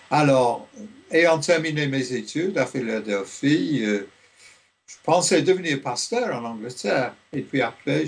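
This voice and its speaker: An older man from Liverpool, a theology professor, speaking in a radio interview, slowly and with many hesitations. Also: mid-range voice, gravelly. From Liverpool, England. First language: English. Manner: slow, halting, many fillers.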